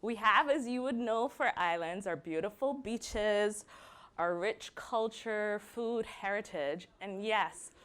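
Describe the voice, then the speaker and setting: A young woman from Barbados speaks with a Barbadian accent, her voice sitting at an ordinary middle pitch. She gives a prepared personal talk in a measured way. She slows right down to lean on the words that matter. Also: fairly bright tone, clean tone.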